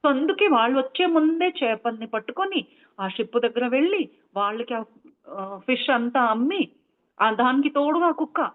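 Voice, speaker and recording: A woman's voice: high-pitched, expressive, normal speed. Woman telling a story over a tinny line. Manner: explanatory, chatty, many asides. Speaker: meditation teacher. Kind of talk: storytelling talk.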